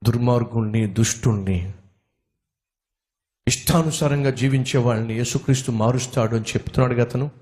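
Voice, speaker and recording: A man voicing a humble, limping man who speaks gently and earnestly. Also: mid-range voice, fairly quick, lightly acted. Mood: calm earnest.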